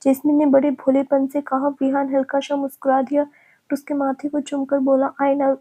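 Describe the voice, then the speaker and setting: A woman narrating a story in a steady, even reading voice. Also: high-pitched, moderate pace.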